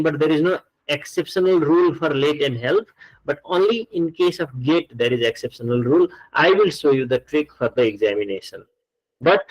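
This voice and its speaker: Nepali-accented man teaching, slightly high voice. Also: rough recording. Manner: didactic, repeats points for emphasis. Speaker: English grammar teacher. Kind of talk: online lesson, explanatory.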